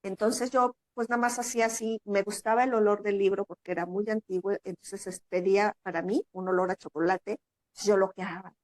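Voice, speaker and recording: Speaking fairly quickly, a woman from Mexico with a Mexican accent tells a long personal story as an interview guest. She's animated, acting out the people in it in a higher pitch. The recording is dry.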